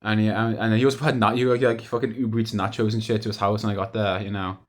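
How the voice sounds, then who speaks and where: Casting: young adult male vlogger, lower-pitched, casual and hesitant, loops back over his own phrases. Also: level tone, fast. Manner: hesitant, repetitive, with trailing thoughts. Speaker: video diarist. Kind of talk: casual rambling monologue to camera.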